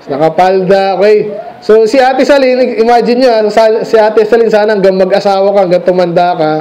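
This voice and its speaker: High-voiced man preaching a conversational sermon. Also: fairly quick, warm tone, rough recording. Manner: conversational, asks the congregation questions; mixes English phrases into his speech. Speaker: pastor. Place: church sanctuary.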